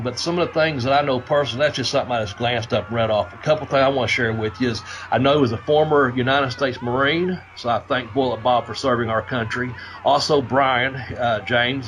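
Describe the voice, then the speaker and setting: A man's voice: medium pitch, a bit bright, slight background noise, poor audio. A man hosting a podcast and telling wrestling stories in a rambling, profane way, losing his voice a little. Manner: rambling, profane, restarts often. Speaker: podcast host, former wrestler. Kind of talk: casual storytelling.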